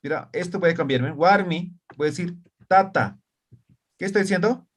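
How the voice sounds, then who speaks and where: A man's voice: sits high, moderate pace. A man teaching an online class in Spanish and Aymara, often checking whether his students follow. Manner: asks frequent check questions.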